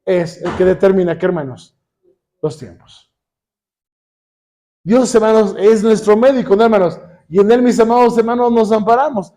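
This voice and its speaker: High-voiced Mexican preacher calling out "hermanos". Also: male voice, moderate pace, long pauses. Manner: says "hermanos" constantly, asks the congregation questions; warm, joking asides. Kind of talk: sermon.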